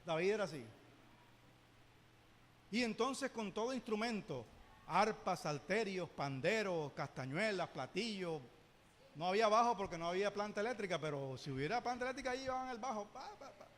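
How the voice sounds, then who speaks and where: A man teaching a Bible lesson in church, lively, with joking asides and rhetorical questions. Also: sits high, moderate pace, long reverb tail, slight background noise. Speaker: Sunday school teacher.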